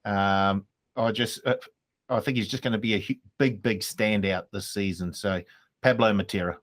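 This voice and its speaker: A man's voice: lowish voice, steady tone, moderate pace. A man giving a short, direct pick as a podcast panelist. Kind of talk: casual sports chat.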